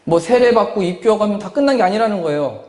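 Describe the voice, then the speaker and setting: A male pastor with a high-pitched voice talks fast during a Sunday church service, and a long reverb tail trails his words. He reads scripture aloud and drives his points home with rhetorical questions in an expressive preaching style.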